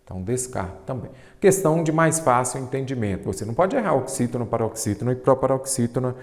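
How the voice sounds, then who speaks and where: A Brazilian man teaching Portuguese for an exam, asking his own questions and answering them, drawing out key terms slowly. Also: medium pitch, lively intonation, darkish tone, roomy sound, long reverb tail. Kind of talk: exam-prep lecture.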